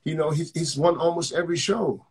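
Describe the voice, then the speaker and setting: His voice is husky and fairly high, with fairly even intonation and a slightly fast pace. This coach and live stream host is taking calls in a casual video chat from a hotel room, staying blunt and joking while repeating words as he goes.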